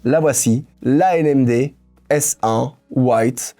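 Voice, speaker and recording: A man's voice: medium pitch, slow, mellow. A young man talking casually in an unscripted vlog about his sneaker collection, enthusiastic and chatty, dropping English slang into his speech. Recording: music playing faintly behind.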